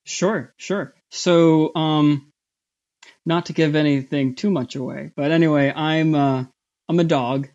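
A man chatting as an interview guest, his voice sitting a bit high and his speech halting, full of fillers and restarts. The recording sounds dull and lo-fi. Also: fairly even intonation, darkish tone. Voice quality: somewhat high voice. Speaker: voice actor guest. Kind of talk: casual interview chat.

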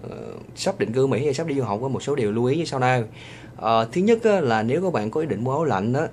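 A man from Vietnam with a Southern Vietnamese accent, giving casual advice in a chatty monologue full of drawn-out hesitations. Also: mid-range voice, a little mellow, slight background noise.

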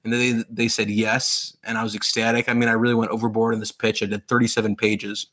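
A man's voice: on the low side, flat delivery, a little fast, fairly bright tone. A man in his thirties who grew up in Pakistan, an author telling his story eagerly in a casual interview, rambling with fillers and restarts. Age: 30s.

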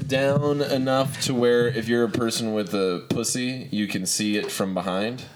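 A man's voice: mid-range voice, fairly even intonation, measured pace. A man co-hosting a podcast, in casual, crude banter with frequent laughter. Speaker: podcast co-host. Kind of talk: casual chat.

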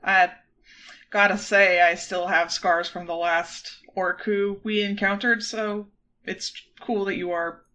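A woman's voice: medium pitch, flat delivery, slow, bright, forceful tone. A woman playing a tabletop role-playing game, chatting casually with a dry, wry manner.

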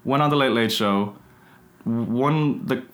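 Podcast guest: young male, west of Ireland accent, mid pitch, informal and chatty. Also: slow. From Galway, Ireland. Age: young adult. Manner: informal, swearing, uses "like" constantly. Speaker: podcast guest, drag performer. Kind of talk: casual chat.

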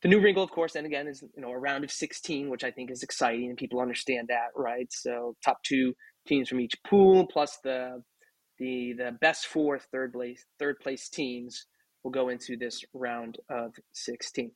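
A man's voice: medium pitch, normal speed, dry recording, rough recording. A man hosting a casual sports podcast, chatting and often asking "right?". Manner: chatty, rhetorical questions with "right?". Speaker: podcast host. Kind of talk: casual rugby talk.

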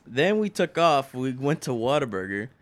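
A young man telling a story among friends, animated and acting out what people said, with plenty of swearing. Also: mid-range voice, normal speed. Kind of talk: casual storytelling.

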